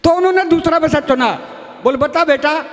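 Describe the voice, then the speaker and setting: A man's voice: extremely high pitch, a little fast, fairly bright tone. A man, telling folksy comic stories on stage and acting out every voice in the dialogue. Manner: folksy, plays many characters in dialogue. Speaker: stage comedy poet. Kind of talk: comic storytelling at a live poetry show. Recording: live stage with long hall reverb.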